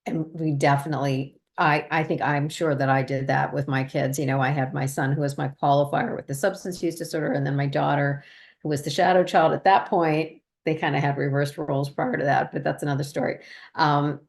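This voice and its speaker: A woman's voice: deep voice, fairly even intonation, a little fast. A woman hosting a panel discussion, a parent, speaking reflectively and conversationally. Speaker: host, parent.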